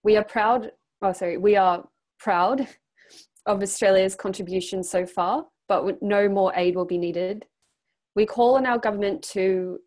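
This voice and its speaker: Speaking into her computer mic on a group video call, a young woman guides a practice exercise from a small indoor room. She reads aloud from prepared text, affirming and encouraging the group, in a medium-pitched, somewhat dark voice.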